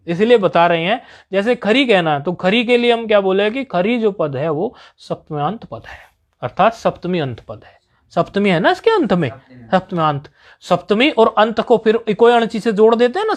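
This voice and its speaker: A man teaching Sanskrit grammar in a patient lesson, repeating each point and checking that students follow. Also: high-pitched.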